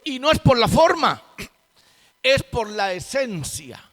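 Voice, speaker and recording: A man's voice: extremely high pitch, big pitch swings, slow pace, a bit bright. A man preaching a sermon as pastor, emphatic and full of rhetorical questions. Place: church sanctuary. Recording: long hall reverb in church.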